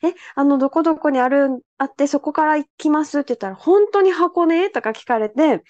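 Podcast co-host, female, high bright pitch, dry close sound, slightly dull lo-fi audio, animated storytelling. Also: quick pace, no room sound. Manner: animated storyteller, acts out quoted voices. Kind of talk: casual chat.

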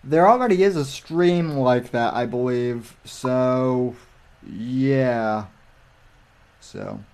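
A man telling stories in casual livestream chat, rambling and halting with many restarts. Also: mid-range voice, darkish tone, clear, resonant tone.

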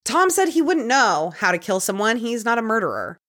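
A woman hosting a podcast, casually recounting a true-crime case with quick conversational asides. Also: a little high, very animated, fairly bright tone. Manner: conversational, quick asides, occasional put-on quotes. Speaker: podcast host telling a case.

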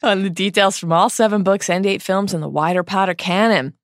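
A woman's voice: mid-range voice, fairly quick, no room sound, clean studio sound. An American woman hosting a podcast, delivering a scripted intro and recap with playful banter and emphatic, dramatic flair. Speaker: podcast host and editor.

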